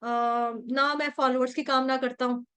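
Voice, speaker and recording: A woman teaching a devotional scripture class, explaining in Hindi mixed with English and chanting Sanskrit verses slowly. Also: high voice, little pitch movement, bright, forceful tone, clear, resonant tone.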